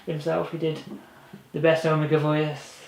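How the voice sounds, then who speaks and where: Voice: mid-range voice, monotone, moderate pace, creaky, a little mellow. A fan film cast member chats casually and rambles about the shoot, laughing often. The voice sits in a middle register. It rings around an echoey room, with a faint hiss underneath. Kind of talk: casual behind-the-scenes chat.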